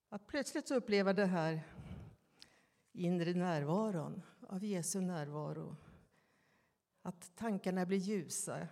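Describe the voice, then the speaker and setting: A woman preaching a sermon, slow and reflective, with pauses and questions put to her listeners. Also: on the low side, a little mellow, long reverb tail. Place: church.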